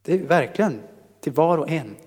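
A man preaching a sermon to a congregation in a lively, conversational way, joking with the listeners. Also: a little high, breathy edge, in a large hall. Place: church hall.

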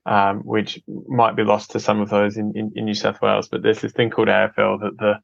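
In a lowish, gravelly voice, fairly quick and monotone, an Adelaide man heading a film company answers earnestly in a casual podcast interview. He keeps restarting and repeating words, and the dry recording has its highs cut off.

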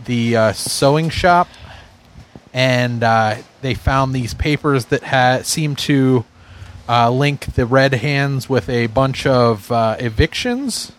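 Slow talking guy, medium pitch, halting casual recap of a game session. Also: expressive. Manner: halting, searching for words. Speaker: podcast player giving the recap.

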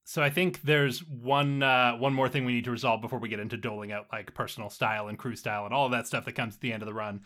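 A man runs a tabletop role-playing game, narrating scenes at an easy pace. His voice is bright and forward, and he often repeats words mid-sentence. His pitch sits in the middle range for a man. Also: fairly even intonation, fast talker, hardly any pauses. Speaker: game master.

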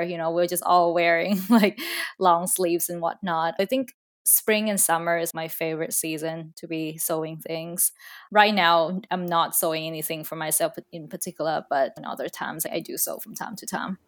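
Relaxed woman from Thailand, low voice. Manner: thoughtful, relaxed, with fillers like "you know" and "like". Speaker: podcast guest, fashion brand founder. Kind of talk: casual interview conversation.

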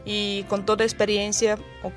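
A Brazilian woman whose native language is Portuguese speaks hesitant, accented Spanish as a guest coach in a conversational interview. Her voice sits at medium pitch, monotone, at a moderate pace. Music plays in the background.

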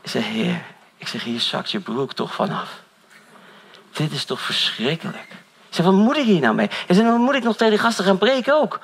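Gravelly, animated male preacher. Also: high voice, moderate pace. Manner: animated storytelling, swings from loud to hushed; conversational, keeps saying "you know". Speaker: pastor. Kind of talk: sermon.

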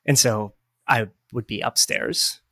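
A man's voice: medium pitch, takes it slowly, bright, forceful tone, no room sound. A man co-hosting a podcast, telling anecdotes in a casual, conversational way. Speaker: podcast co-host.

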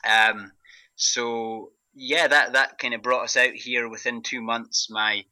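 A man with a thick, broad Scottish accent giving casual, halting interview answers, often repeating words as he goes. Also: mid-range voice, fairly even intonation, sharp tone, no echo, low-quality recording. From Glasgow, Scotland. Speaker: interview guest, parkrun event organiser.

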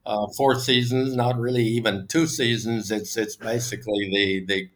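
An older American man from Oklahoma, over sixty, answering interview questions in a measured, halting way with frequent pauses. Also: mid-range voice, steady tone. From Oklahoma, United States. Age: 60s or older. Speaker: podcast guest, business executive. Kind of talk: casual interview talk.

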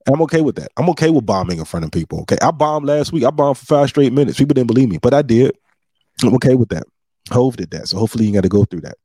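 Husky-voiced man hosting a podcast, dry sound. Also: medium pitch, rapid-fire, no echo. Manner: boastful, animated trash talk with frequent laughs. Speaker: podcast host and comedian. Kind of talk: casual podcast chat.

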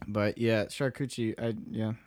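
A man's voice: fairly low pitch, steady tone, normal speed, a little mellow, dry recording, clean studio sound. A man co-hosting a podcast, chatting loosely with swearing and joking asides. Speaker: podcast co-host. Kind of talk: casual chat.

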